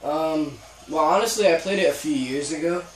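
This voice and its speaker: A man's voice: fairly high pitch, normal speed, far from the mic, slight background noise. Young male co-host, hesitant filler-heavy talk, off-mic in a roomy space. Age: young adult. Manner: hesitant, filler-heavy, says "like" and "honestly" a lot. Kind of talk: casual gaming discussion. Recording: echoey, off-mic room sound.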